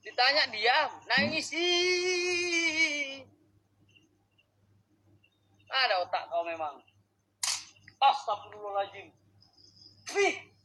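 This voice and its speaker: Man, paranormal live streamer, high voice, slow pace, scolds spirits in short outbursts. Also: very animated, sharp tone, breathy edge.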